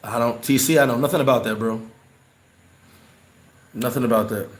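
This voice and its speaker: A man's voice: mid-range voice, moderate pace. Casual chatty man in a roomy echo. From New York. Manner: loose, rambling, repeats words when heated. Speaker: livestream host answering chat. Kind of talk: casual livestream chat.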